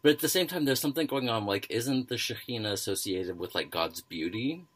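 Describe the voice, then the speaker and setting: A man hosting a casual study discussion, thinking aloud in halting phrases full of fillers and restarts. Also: medium pitch, expressive, noisy background. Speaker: podcast host.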